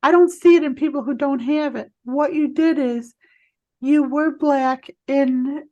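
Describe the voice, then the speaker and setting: A woman energy healer guiding a client in a healing session, talking in a soothing, reassuring way with halting restarts. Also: high-pitched, darkish tone, muffled recording.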